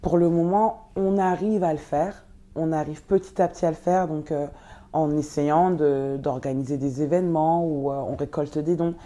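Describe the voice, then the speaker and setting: A young woman who grew up in Belgium and was born in Congo, answering interview questions with many pauses and fillers. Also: low-pitched, fairly even intonation, dark tone. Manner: hesitant, many fillers and restarts. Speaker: guest, nonprofit co-founder.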